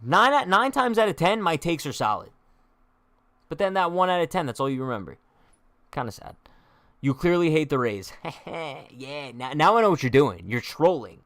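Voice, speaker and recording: A young man with a fairly high, bright voice hosts a live-stream sports chat, slangy and full of joking trash talk. He reads viewer comments and answers them in the same breath. The sound is dry and close, with no room around it. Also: big pitch swings, normal speed, no room sound. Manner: slangy, says "bro" a lot. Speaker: sports show host.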